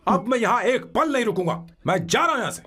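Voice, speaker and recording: An actor dubbing a lovelorn grown man who lectures his family loudly. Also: very high-pitched, sing-song, quick pace, husky, heavily acted. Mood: fed up. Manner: pleading, then lecturing loudly. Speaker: romantic lead. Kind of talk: Hindi film dub.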